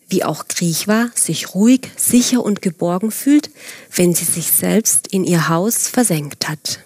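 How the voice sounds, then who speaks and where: A woman narrating a gentle children's story, speaking calmly and directly to the children and now and then dropping to a soft whisper. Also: lowish voice, no echo, clean studio sound.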